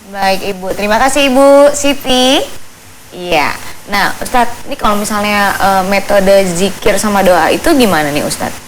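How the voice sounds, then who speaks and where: A woman's voice: medium pitch, normal speed, slight background noise, rough recording. A woman hosting a TV talk show, asking questions politely and giving short acknowledgements. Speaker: TV show host.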